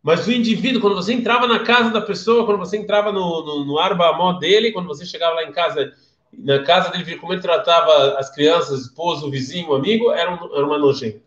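A Brazilian man with a Brazilian Portuguese accent gives a casual live-streamed class, telling stories in a chatty way and questioning his listeners. His voice is on the high side, quick and a bit bright, with reverberant, lo-fi sound.

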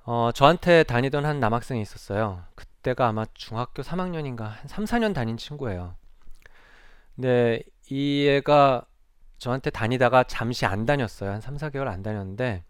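A man's voice: mid-range voice, clean tone, no room sound, clean studio sound. A middle-aged man, a psychiatrist, giving a public lecture on a stage. He talks in an earnest, conversational way and often puts rhetorical questions to the audience.

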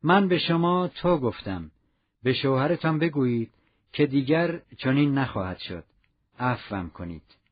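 A man reading aloud who voices a sorrowful, withdrawn older man speaking in a low, resigned murmur. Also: lively intonation, husky. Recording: dull lo-fi recording.

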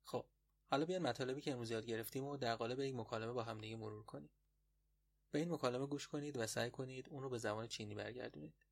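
A man teaching a podcast language lesson in a patient, explanatory way, repeating words slowly. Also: medium pitch, gravelly.

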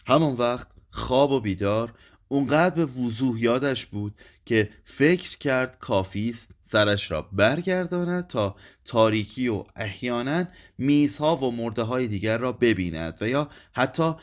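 A man narrating a literary story as an audiobook, in a dramatic, expressive reading. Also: medium pitch.

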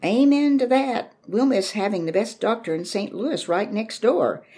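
A woman reading the lines of an emotional, effusive neighbor woman, raising her voice higher and louder. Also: lively intonation, moderate pace, husky. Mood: tearful.

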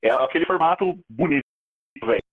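A man's voice: on the high side, a little fast, slightly rough, dry recording, narrow, tinny audio. A man chatting casually and slangily about music, his voice coming through poor, distant-sounding online call audio. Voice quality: slangy, relaxed talker. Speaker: podcast panelist.

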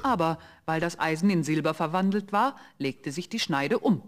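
A man giving scripted fairy-tale narration in an even storytelling voice. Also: a little high, normal speed.

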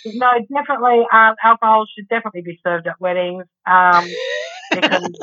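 A woman's voice: medium pitch, brisk, bright, forceful tone. A woman co-hosting a podcast, chatting casually in a rambling way and swearing now and then. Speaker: podcast co-host. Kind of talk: casual chat. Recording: dull lo-fi sound.

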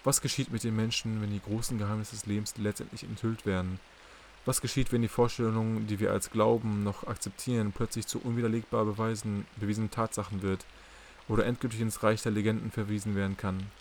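A man voicing a polite, calculating male psychiatrist in an audiobook, soft and measured. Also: on the low side, little pitch movement, slight background noise, natural voice. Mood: soothing. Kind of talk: audiobook character reading.

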